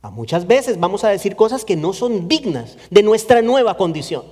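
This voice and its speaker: Guy preaching a sermon, fairly high voice, lots of church reverb, keeps repeating himself for emphasis. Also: big pitch swings, moderate pace, darkish tone, slightly rough. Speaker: pastor. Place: church sanctuary.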